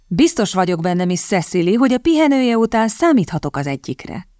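A woman reading the part of a sneering, smooth-talking English lord who flatters and mocks. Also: high-pitched, no room sound, studio quality. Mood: sly flattering. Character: sneering lecherous English lord, middle-aged.

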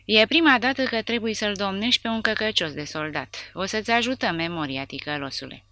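A woman's voice: medium pitch, no echo, voice pushed up, natural voice. A woman voicing a brutal, mocking male soldier who interrogates prisoners with harsh threats. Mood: menacing. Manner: harsh, sneering, shouting threats.

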